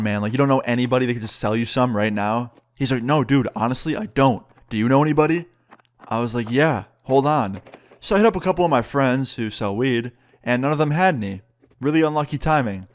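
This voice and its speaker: A young man casually telling a personal story, chatty and swearing freely as he acts out both sides of the conversation. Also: medium pitch.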